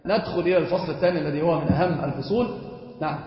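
Fast-talking man lecturing in echoey hall. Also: fairly high pitch. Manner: questions students and answers himself. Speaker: Islamic teacher. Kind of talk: classroom lecture on creed. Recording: echoey hall, dull lo-fi sound.

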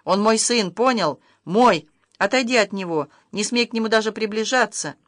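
A reader voicing a distraught young mother who shouts accusations at her husband, in an audiobook. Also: mid-range voice, normal speed, dry recording, clean studio sound, natural voice. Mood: furious. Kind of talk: audiobook role reading.

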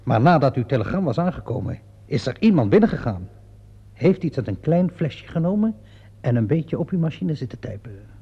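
An actor gives an exaggerated performance as a shrewd police inspector in a radio play, his mid-range male voice husky, sing-song and touched with vocal fry. He works on a cornered suspect methodically and insistently, with insinuating, deliberate, faux-polite questions. The vintage sound is muffled and dull.

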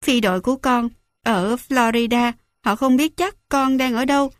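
A woman does a tearful mother begging her son, high and dry. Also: normal speed, no room sound, lightly acted. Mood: apologetic. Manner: tearful, apologetic, urgent.

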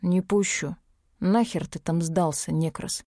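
A woman reading an audiobook, voicing a laconic, melancholic young male werewolf twin in a flat, terse way. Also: on the low side, unhurried, dry recording, studio quality, close to an everyday voice. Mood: cool.

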